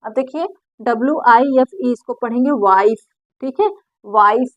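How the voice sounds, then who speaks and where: A woman's voice: fairly high pitch, unhurried, dry recording. Woman teaching with patient repetition. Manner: patient, repeats key points, asks and answers her own questions. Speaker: English pronunciation teacher. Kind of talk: explanatory lesson. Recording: dry, muffled lo-fi recording.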